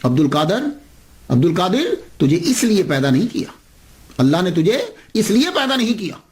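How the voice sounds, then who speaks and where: A man's voice: sits high, sing-song, moderate pace, darkish tone. A man voicing a cow that speaks in a human voice, calling out solemnly as part of a sermon story.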